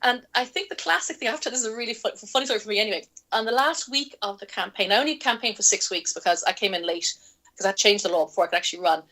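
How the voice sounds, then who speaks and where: A woman with an Irish accent, a guest in an interview, telling stories in a lively way and laughing often as she talks. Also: mid-range voice, very fast. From Ireland. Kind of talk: casual storytelling in an interview.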